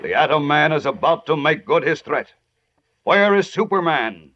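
A man's voice: fairly high pitch, animated, moderate pace, bright, forceful tone. A man narrating as a 1940s old radio announcer, with an urgent, theatrical, emphatic scripted delivery. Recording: noisy, dull vintage radio recording.

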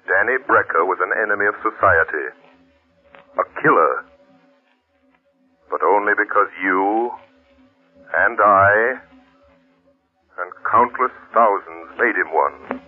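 An actor playing a grave, moralizing mystery crime fighter with oratorical delivery, on a muffled 1940s radio drama recording. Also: male voice, deep voice, animated, takes it slowly, pauses often, slightly rough, soft background music, exaggerated voice. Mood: solemn rebuke. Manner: solemn, oratorical.

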